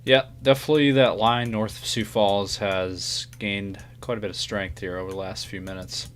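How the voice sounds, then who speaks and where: Lowish-voiced man hosting live weather coverage. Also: steady tone, normal speed, a bit bright. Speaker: severe weather livestream host. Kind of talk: casual unscripted live weather commentary. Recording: faint background hum.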